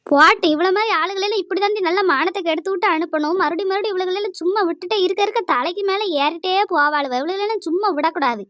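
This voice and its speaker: A woman plays a cartoon village woman who scolds and taunts in rapid bursts. Her voice is very high and quick. The sound is dry and close. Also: a bit bright, no echo. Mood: contemptuous. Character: sharp-tongued scolding village woman, middle-aged.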